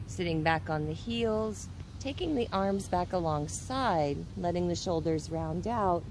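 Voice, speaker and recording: A woman giving guided yoga instruction in a careful, unhurried way. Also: on the low side, expressive, darkish tone, a little hiss or hum.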